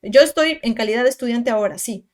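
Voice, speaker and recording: A woman's voice: on the high side, quick pace. A woman, telling a personal story to her viewers in a chatty, emphatic way, full of asides and tag questions. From Peru. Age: 20s. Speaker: content creator. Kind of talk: casual storytime monologue.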